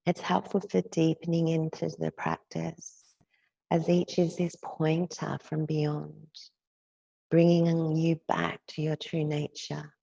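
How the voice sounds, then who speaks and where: A yoga nidra teacher guides a meditation in a low, gravelly woman's voice, speaking softly and soothingly with little pitch movement. She is gentle and unhurried, leaving long pauses between phrases. The recording is close and dry, if slightly dull.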